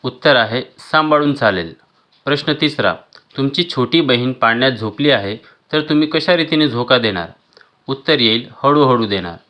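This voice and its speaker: A man teaching, reading textbook exercise questions and their answers aloud in a measured, item-by-item way. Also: mid-range voice, expressive, sharp tone. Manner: measured, listing answers one by one.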